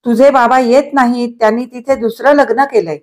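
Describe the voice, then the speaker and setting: A woman's voice: fairly high pitch, steady tone, fairly quick, darkish tone, natural voice. A woman voicing a blunt young uncle who teases his niece, in a read-aloud novel. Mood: teasing.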